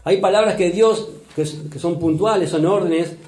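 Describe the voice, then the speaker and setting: A pastor delivers a sermon in a high, warm-toned voice. He leans into key words and slows down to read scripture. The sound carries the echo of a church hall. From Uruguay. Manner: preaching with rising emphasis, reads scripture slowly.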